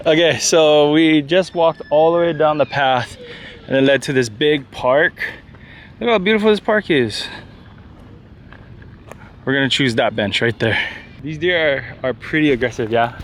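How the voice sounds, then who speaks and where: Laid-back male travel vlogger, mid pitch, outdoor camera audio with clear street noise. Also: moderate pace. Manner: excited, laid-back, narrating while walking. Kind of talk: casual vlog chat. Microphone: handheld camera.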